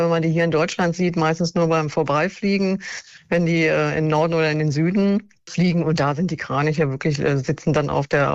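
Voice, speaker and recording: A woman's voice: sits low, dry recording. Woman caller from northern Germany, radio phone-in, hesitant with fillers, dull dry line. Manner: hesitant, many fillers, laughs easily.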